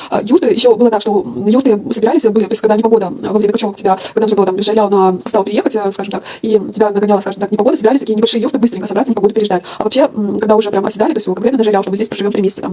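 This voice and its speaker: Woman teaching online, really fast, kinda husky and quiet, slushy sh-like lisp on her s, thinks out loud. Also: mid-range voice. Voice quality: slushy lisp from a broken tooth. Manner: halting, thinking aloud with self-corrections. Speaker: online lecturer. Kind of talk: informal lecture, explaining pictures.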